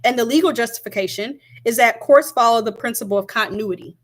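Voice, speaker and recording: A woman's voice: fairly high pitch, fast talker. A young woman, chatting casually to camera, emphatic and repeating her points. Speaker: vlogger.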